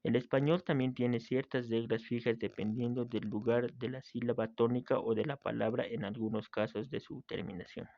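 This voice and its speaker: A man reading a grammar lesson aloud in a steady way, with small slips and restarts. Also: medium pitch, moderate pace, few pauses, no echo. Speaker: teacher. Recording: dry, slightly dull home recording.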